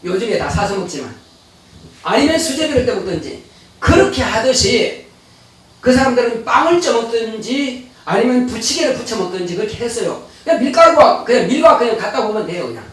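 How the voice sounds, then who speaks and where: Male pastor, high lively voice, folksy conversational sermon, echoey church from a distance. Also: brisk. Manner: folksy, chatty preaching with rhetorical questions. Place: church sanctuary.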